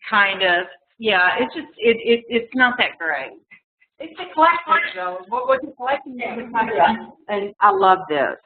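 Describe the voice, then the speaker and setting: Her voice is fairly high and sing-song, moving at a moderate pace. She's an art collector chatting informally on a webinar, wandering off track with lots of fillers and false starts as she loses her voice. The audio is a tinny video call picked up in an echoey room.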